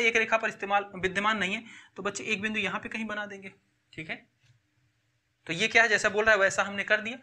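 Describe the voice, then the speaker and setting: A man's voice: very high voice, pushed and bright. A man teaching a school maths lesson step by step, often repeating himself and checking in with his students. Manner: addresses students as children, repeats and checks with "theek hai". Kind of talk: classroom-style maths lesson.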